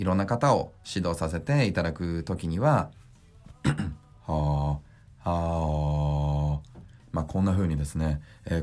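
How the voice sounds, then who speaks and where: On his podcast, a male voice trainer teaches vocal resonance, deliberately keeping his voice low with deep chest resonance. His delivery rises and falls expressively as he demonstrates sounds for listeners.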